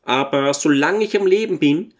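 A man's voice: fairly high pitch, moderate pace, lightly acted. A man reading aloud and voicing a bashful old dwarf servant who speaks humbly and timidly. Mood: humble. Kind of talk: audiobook character voice.

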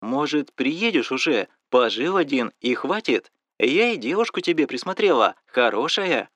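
A man's voice: medium pitch, very animated, moderate pace, a bit bright, no echo. A man voicing a worried, nosy middle-aged mother in audiobook dialogue, fussing and asking question after question. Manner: fussy, coaxing, keeps asking questions.

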